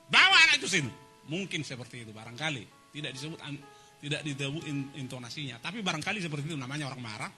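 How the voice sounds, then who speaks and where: A man preaching a sermon as pastor, animated, swinging between loud and soft and acting out quoted voices. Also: mid-range voice, fast, soft background music.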